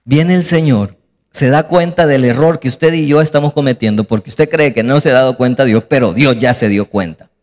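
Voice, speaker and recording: A man preaching a sermon as pastor, lively and acting out scenes. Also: mid-range voice, moderate pace, in a large hall.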